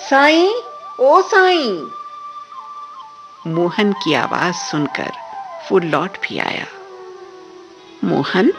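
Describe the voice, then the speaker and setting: A woman reading a story aloud for a radio drama reading, measured and expressive. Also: fairly low pitch. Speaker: story reader.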